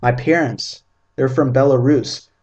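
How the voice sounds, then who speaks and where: A man in his twenties reading his own first-person story aloud in a measured, vivid, descriptive way. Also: medium pitch, fairly even intonation, a little mellow. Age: 20s.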